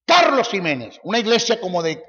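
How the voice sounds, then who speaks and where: Brief: male Bible teacher, high voice, forceful and mocking, repetitive sermon, echoey lo-fi hall recording. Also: sing-song, fairly quick, husky.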